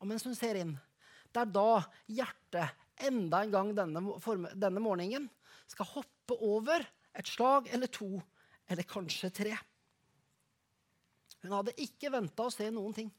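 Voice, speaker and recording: A woman preaching, retelling a story slowly and dramatically, then leading a prayer, often falling to a soft hush. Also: mid-range voice.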